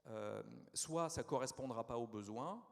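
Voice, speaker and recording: Gravelly man speaking on a panel. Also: medium pitch, lively intonation, measured pace. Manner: explanatory, with many hesitations. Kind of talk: round-table discussion. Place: conference hall. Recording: long hall reverb.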